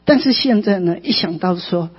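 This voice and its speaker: A woman preacher telling a testimony in an animated, emphatic way, often adding tag particles. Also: fairly low pitch, moderate pace, slightly rough. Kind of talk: emotional sermon testimony. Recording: dull recording with long reverb in a hall.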